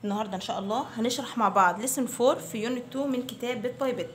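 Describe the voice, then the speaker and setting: A woman's voice: on the high side, rapid-fire, a little hiss or hum. Egyptian woman teaching English to kids. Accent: Egyptian Arabic. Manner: patient, addresses pupils affectionately. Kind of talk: YouTube lesson for children.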